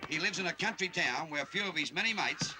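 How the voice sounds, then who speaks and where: A man's voice: a little high, expressive, fast, noisy background, lightly acted. A man reading scripted narration for an old film trailer.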